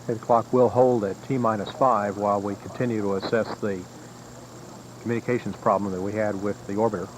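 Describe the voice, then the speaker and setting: A man giving live countdown commentary as a launch announcer, in a measured, formal way. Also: on the low side, fairly even intonation. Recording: noisy archival broadcast audio.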